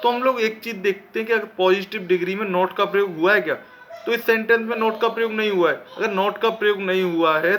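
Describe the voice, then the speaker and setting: Male tutor, bright and slightly tense tone, patient step-by-step explainer. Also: high voice, a little hiss or hum. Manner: explains slowly, asks and answers his own questions. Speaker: English teacher. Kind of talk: classroom grammar lesson.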